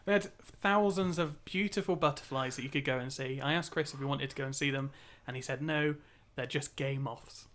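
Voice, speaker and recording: Teasing podcast co-host, bright voice. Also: mid-range voice, steady tone, fast, a little hiss or hum. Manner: teasing and dry, with swearing. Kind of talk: casual podcast chat.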